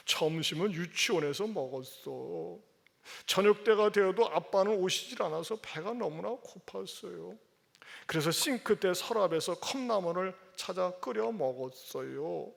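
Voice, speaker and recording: A man's voice: expressive, a little slow, gravelly, heavily acted. A man doing a tearful little boy. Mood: explaining. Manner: high, crying, pleading. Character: little boy, a young son, tearful and pleading.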